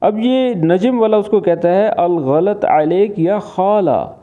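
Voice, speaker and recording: A man from Pakistan teaching, patiently explaining and translating spoken phrases. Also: high voice. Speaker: Arabic teacher. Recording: phone-like lo-fi voice.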